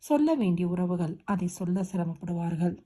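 A woman narrates a romance novel in a steady, expressive storytelling voice. Her voice sits low and mellow, with a soft husky grain. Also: normal speed. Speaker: audiobook narrator.

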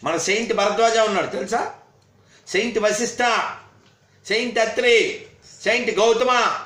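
A man's voice: high voice, moderate pace, fairly bright tone. A man giving a scolding religious talk, firing rhetorical questions at his listeners. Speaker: religious speaker. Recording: roomy echo.

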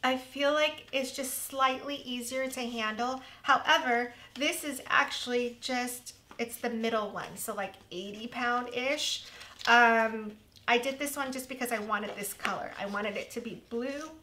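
A woman hosting a casual crafting tutorial, chatty and self-deprecating, with a slightly hoarse voice. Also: on the high side, a little slow, sharp tone, slight background noise. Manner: chatty, self-deprecating, laughs at her own mistakes. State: slightly hoarse, losing her voice.

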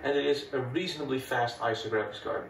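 Talking fast in a mid-range voice, a native Dutch speaker with a clear accent walks through an old computer one step at a time, relaxed and chatty. He hosts retro computing videos and is surrounded by vintage machines. Slight background noise and a far-off mic pick up the room's echo.

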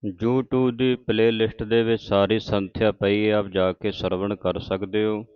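A Punjabi-accented man teaches scripture pronunciation at a very slow, careful pace. His voice is dry and close, and the recording sounds a little dull and lo-fi. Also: lowish voice, flat delivery, smooth, no room sound. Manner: recites verses slowly, then corrects wrong readings. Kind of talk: slow, measured recitation lesson.

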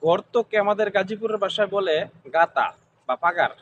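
Interviewee, man, gazipur bengali accent, high voice, slow short answers. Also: fairly bright tone, lo-fi sound, slight background noise. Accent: Gazipur Bengali dialect. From Gazipur, Bangladesh.

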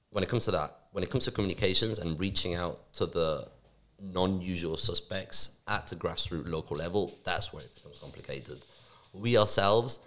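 Young man, from Spain, very low voice, quick delivery, restarts often, podcast mic in small studio. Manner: fast, animated, with frequent restarts and fillers. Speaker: youth forum board member, guest. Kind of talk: conversational interview answers. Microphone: podcast mic on stand, headphones.

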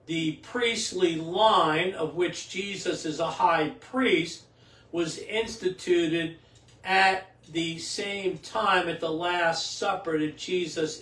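An older man, a priest, reads scripture in steady liturgical cadence and then preaches a homily at Mass, restarting phrases as he goes. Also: high voice. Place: small indoor home chapel. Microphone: camera a few feet away. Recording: roomy echo, distant from the mic.

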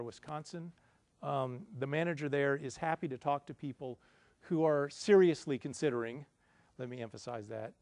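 With a medium-pitched, darkish voice and no room sound, a middle-aged man walks through a slide at a projector screen. It's a lecture with audience Q&A in an indoor conference room, and he keeps things conversational and pokes fun at himself.

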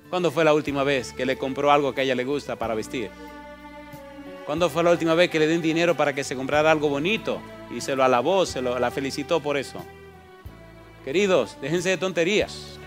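A man's voice: a little high, fairly bright tone. A man preaching a sermon as a pastor. He asks the congregation rhetorical questions and acts out the people in his stories. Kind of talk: sermon with acted-out anecdotes.

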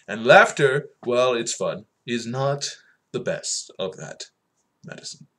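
A man hosting a mock-serious comedy vlog as a fake doctor, solemn one moment and shouting the next. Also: on the low side. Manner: mock-serious, swings from solemn murmur to loud outbursts. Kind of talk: deadpan comedic monologue.

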